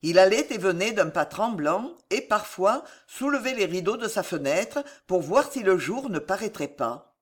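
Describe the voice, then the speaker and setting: A woman narrating a historical novel as an audiobook in a measured, expressive reading. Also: medium pitch. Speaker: audiobook reader.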